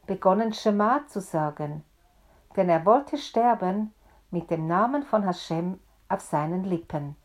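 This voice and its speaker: A woman voicing a solemn male rabbi who speaks earnestly to his frightened congregation. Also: mid-range voice. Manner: earnest, slow and deliberate.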